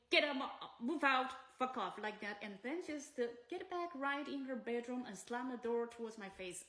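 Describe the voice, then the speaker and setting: A woman's voice: a little high, fairly bright tone. Indignant Chinese-accented woman, echoey room. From China. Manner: indignant, agitated, broken English. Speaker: complainant telling her story. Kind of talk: emotional personal account.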